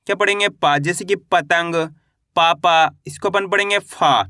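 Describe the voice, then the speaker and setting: A man's voice: sits high, pushed and bright, no room sound, clean studio sound. A man teaching a beginner alphabet lesson, asking questions and then answering them himself, and drawing out each syllable so learners can copy it. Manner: asks and answers his own questions; drawn-out syllable sounds for pronunciation.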